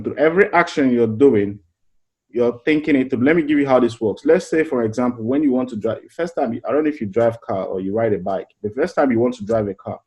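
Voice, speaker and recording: A middle-aged man coaches an informal motivational class in a mid-range, slightly mellow voice. Earnest and talkative, he often starts phrases over and asks rhetorical questions.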